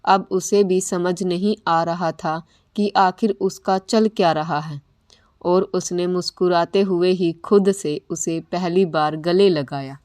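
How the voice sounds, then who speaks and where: Slow, low-voiced woman narrating a story. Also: fairly even intonation, darkish tone, no echo. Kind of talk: scripted narration.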